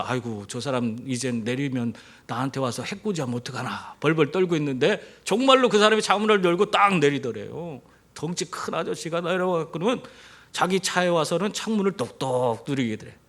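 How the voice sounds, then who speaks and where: A male pastor giving a sermon in church, telling stories with animation and throwing questions at the congregation. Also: high-pitched. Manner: engages the congregation with rhetorical questions; animated storyteller. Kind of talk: sermon with humorous anecdotes.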